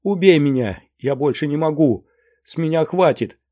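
A man's voice: moderate pace, mellow, lightly acted. A man reading an audiobook, voicing a fat, hysterical male safecracker who whines and sobs in despair. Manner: whining, sobbing, shrill.

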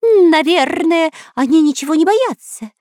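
A woman narrating a storybook gives a cowardly male pet parrot a very high voice pitched above her own, unhurried and a little mellow with lively intonation. He squawks, stammers and fawns, eager to please, in clean studio sound with no echo.

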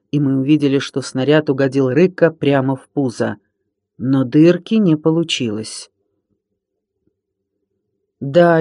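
A man's voice: medium pitch, mellow, dry recording, studio quality. Man reading a storybook aloud. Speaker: audiobook reader. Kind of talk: storybook narration.

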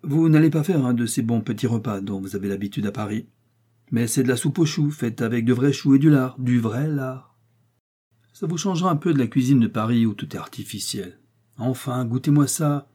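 Voiced in a dark, husky tone, a man plays a shrewd old village mayor from Normandy, blunt and sure of himself. He lays down the law in a gruff, lecturing way. It sounds like an audiobook reading. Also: medium pitch, brisk, close to an everyday voice. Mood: stern.

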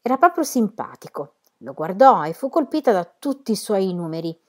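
A woman reading a novel aloud in a measured storytelling manner. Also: medium pitch, sing-song, darkish tone. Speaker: reader. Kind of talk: audiobook narration of a novel.

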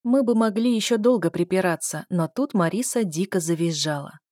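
A woman's voice: on the low side, moderate pace, warm tone, no echo. A woman narrating a first-person novel for an audiobook in a wry, sarcastic way on a close mic.

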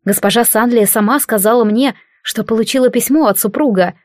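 A woman reading the lines of a composed female temple guardian, quiet and steady in an audiobook. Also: a little high, brisk, no echo, clean studio sound, natural voice. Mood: firm.

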